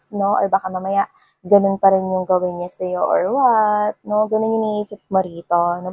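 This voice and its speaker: A woman's voice: mid-range voice, darkish tone, no room sound. A woman with a Filipino accent giving a casual tarot reading, chatty and full of filler words and tag questions. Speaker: tarot reader.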